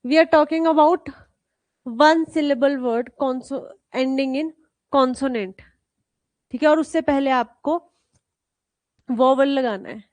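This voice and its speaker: A woman's voice: high-pitched, extremely slow, long pauses, darkish tone, no echo. A woman teacher from India giving a live grammar lesson with an Indian accent, quizzing students and calling them "beta" as she explains spelling rules. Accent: Indian English. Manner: switches between Hindi and English terms, spells out rules.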